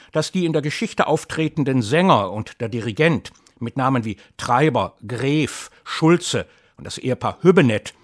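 A middle-aged man reading an introduction and then telling a story with measured, lively delivery. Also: medium pitch. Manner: measured, lively storytelling, slips into dialect for the tale. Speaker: narrator and reader.

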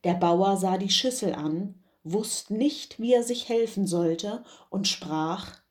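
A woman reading a fairy tale aloud in a measured, expressive storytelling manner. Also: medium pitch.

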